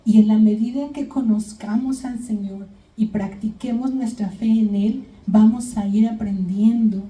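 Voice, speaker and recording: A woman delivers a sermon in a deep, mellow, very dark-toned voice. She sounds distant from the microphone in an echoey church hall. She retells Bible stories and keeps checking in with her congregation. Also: steady tone, unhurried. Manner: addresses congregation as brothers and sisters. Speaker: preacher.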